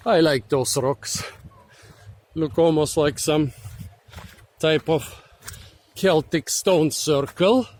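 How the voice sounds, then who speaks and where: Guy vlogging on a hike, kinda out of breath, talks slow, bit of a higher voice, lots of pauses. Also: animated, darkish tone, slight background noise. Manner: unhurried, thinking aloud with pauses and restarts. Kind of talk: casual walking vlog narration. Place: outdoors in a tropical botanic garden.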